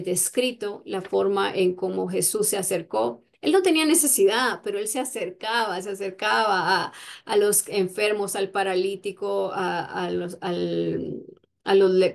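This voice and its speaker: A woman's voice: medium pitch, creaky, darkish tone. A woman giving an informal Bible teaching in a conversational way, often checking in with her listeners. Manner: conversational, many fillers and "verdad?" tags.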